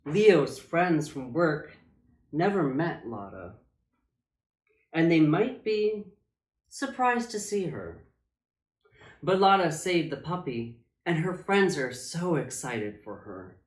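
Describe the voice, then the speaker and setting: A man reading a children's picture book aloud as a drag storytime reader, with theatrical, emphatic phrasing and dramatic pauses. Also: on the high side, sing-song. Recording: echoey room.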